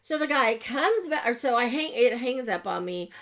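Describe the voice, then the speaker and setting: A woman with a slightly high voice tells a travel story to her listeners, animated and expressive. She jumps into the other people's voices and a whiny squeal when she acts out scenes. The delivery is a casual, chatty monologue. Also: normal speed. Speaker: podcast host.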